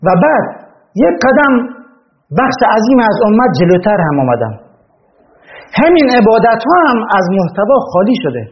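Guy preaching a religious lecture, high voice, fired up, kinda dull lo-fi audio w faint hiss. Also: big pitch swings, pauses often. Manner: impassioned, rising in pitch when stressing points. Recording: dull lo-fi recording with faint noise.

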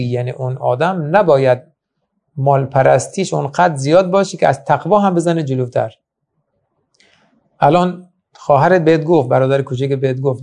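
A religious teacher with a fairly high, darkish voice gives an emphatic Quran lecture, filled with rhetorical questions.

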